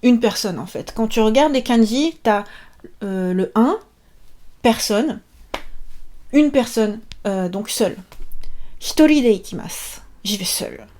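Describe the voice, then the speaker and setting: A bubbly woman with a fairly high voice gives a casual video lesson. She talks in a chatty, lively way, often pausing on fillers and dropping playful asides between explanations. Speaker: Japanese language teacher.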